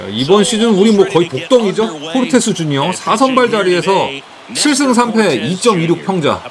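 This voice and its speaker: A Korean man streaming a baseball video game, giving casual play-by-play commentary with sudden excited exclamations. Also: on the high side. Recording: game music playing behind.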